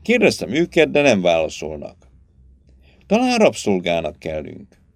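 Reading aloud, a man plays a captive sister, a stern and resolute young woman who takes charge in a firm, commanding and earnest way. His voice is lowish but swoops wildly in pitch, and the recording has no echo.

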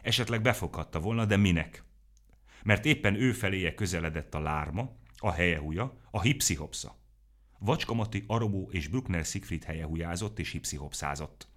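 A man narrating a children's story in an expressive, animated way. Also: low-pitched. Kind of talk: storybook reading.

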